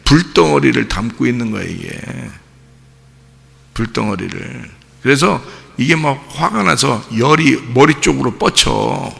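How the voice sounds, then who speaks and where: A man's voice: mid-range voice, animated, measured pace, creaky, fairly bright tone. A male pastor gives an early-morning sermon, stressing his words with emphatic repetition and keeping the congregation engaged with constant questions. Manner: keeps asking the congregation questions; emphatic, repeats key words. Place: church sanctuary. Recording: long church-hall reverb.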